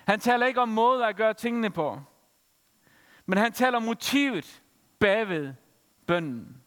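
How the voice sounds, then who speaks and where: A man preaching a sermon, telling a story with frequent hesitant pauses. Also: sits high, a bit bright, clean tone. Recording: reverberant hall.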